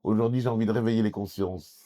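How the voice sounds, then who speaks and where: A man's voice: fairly low pitch, fairly even intonation, fast talker, dark tone. A middle-aged man from southwest France answering interview questions as a documentary presenter, earnest and hesitant with many fillers and restarts.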